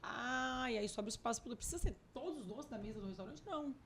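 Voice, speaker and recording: A woman cardiologist chats quickly as a podcast guest, her fairly high voice carrying a gravelly, creaky edge. She explains with emphasis and slips into little scenes with her kids. Faint noise sits under the voice. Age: adult with young children. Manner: animated, acts out family dialogue. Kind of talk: podcast interview talk.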